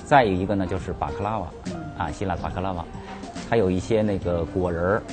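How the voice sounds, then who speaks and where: Male chef, very low voice, matter-of-fact explainer with music bed. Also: fast talker. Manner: plain, matter-of-fact with filler "啊". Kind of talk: explaining dishes.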